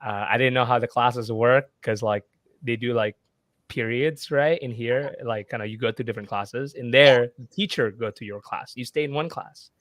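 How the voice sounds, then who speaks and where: A marketing agency owner in his twenties from Indonesia appears as a podcast guest, speaking English as his second language. His medium-pitched, slightly bright voice moves at a moderate pace, full of fillers and restarts, in a recording with no room sound.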